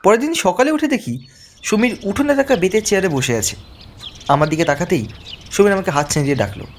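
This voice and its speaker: High-pitched and brisk, with lively intonation, this man plays a frightened youth describing his trip to a haunted house. The dramatic, suspenseful first-person narration comes over music and some background noise.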